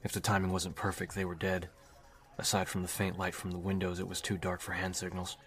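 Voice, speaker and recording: A male audiobook narrator reads a novel in a steady, even manner. His voice is deep and almost completely flat in pitch. Music runs clearly behind him. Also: fairly quick. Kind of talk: reading a novel aloud.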